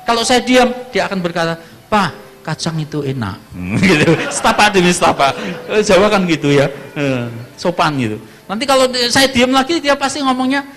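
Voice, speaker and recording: A pastor from Java preaching a sermon and telling a personal testimony, his voice jumping high when he quotes people, with frequent laughter. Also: moderate pace. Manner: storytelling, animated voice jumps high for quoted speech, laughs often.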